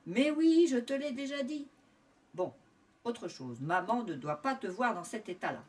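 A woman's voice: on the high side, big pitch swings, unhurried, a little mellow, distant mic. A woman voicing an older male piglet brother, bossy and reassuring.

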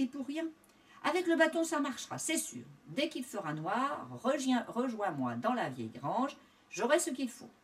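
A woman's voice: fairly high pitch, distant mic. A woman voicing an older male piglet brother, bossy and reassuring.

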